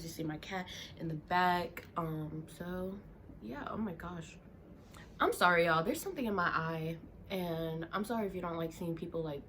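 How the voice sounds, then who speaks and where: This is a lowish, slightly bright female voice with a bit of hiss or hum underneath. She's a young Southern YouTuber with a congested voice who reads Reddit stories, chatting to viewers indoors at home in a relaxed vlog manner full of ums and y'alls.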